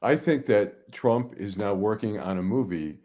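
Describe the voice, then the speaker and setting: A man's voice: on the low side, animated, unhurried, darkish tone. A man speaking as a panelist, giving casual political commentary.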